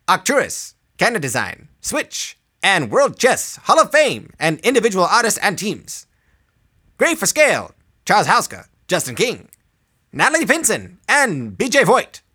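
A man's voice: high voice, pushed and bright, pitched above the performer's own voice, exaggerated voice. A man voicing a showy old-timey male announcer, reading a listing aloud in a sing-song way.

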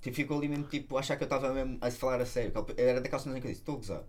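A man with a European Portuguese accent, a comedian guest telling stories in rapid, slang-heavy podcast banter. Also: mid-range voice, little pitch movement, darkish tone. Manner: rapid, slangy, storytelling with laughs.

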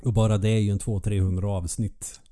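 Casting: male podcast co-host, low and dark-toned, rambling, casual and a bit crude. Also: little pitch movement, slight background noise. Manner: chatty, swears freely, explains at length. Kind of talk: casual chat.

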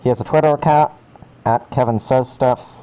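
A man's voice: medium pitch, fairly even intonation, normal speed, warm tone, clean tone, lightly acted, rough recording. A man voicing a laid-back airline pilot making cabin announcements in a drawling, offhand tone.

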